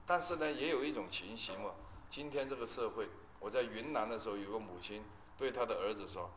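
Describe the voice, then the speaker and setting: A man's voice: lowish voice, fairly quick, background noise. A male pastor, giving an emotional testimony sermon with emphatic storytelling.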